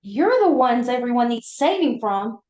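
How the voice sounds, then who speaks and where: A man doing a shrill accusing heroine. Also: sing-song, moderate pace, darkish tone. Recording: echoey, dull lo-fi.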